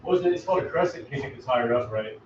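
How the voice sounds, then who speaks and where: A man's voice: medium pitch, animated, very fast. Joking male student, noisy echoey gym. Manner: joking, asks questions. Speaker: martial arts student. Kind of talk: casual chat during class. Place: indoor training gym. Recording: echoey, distant, muffled, loud noisy room.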